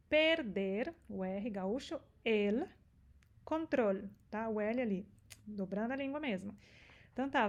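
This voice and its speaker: A woman's voice: on the high side, a little mellow, lo-fi sound. Patient Brazilian woman teaching pronunciation. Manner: patient, repeats words slowly to show pronunciation. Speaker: Spanish teacher. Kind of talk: explaining song lyrics in a language lesson.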